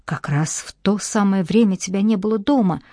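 A woman's voice: medium pitch, moderate pace, dark tone, dry recording, studio quality, natural voice. A woman reading the part of a young woman in love, speaking emotionally and pleading. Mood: hurt, pleading.

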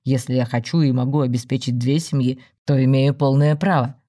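Brief: man reading a smug, self-assured husband for an audiobook, slow and soothing, mellow low-key tone. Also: fairly even intonation, close to an everyday voice. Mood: placating.

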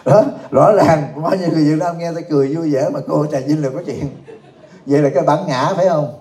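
A man's voice: on the high side, fast talker, mellow. Joking man in echoey hall. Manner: jokey, often laughing, asks the audience questions. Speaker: Buddhist teacher. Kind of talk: humorous Dharma talk. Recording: echoey room.

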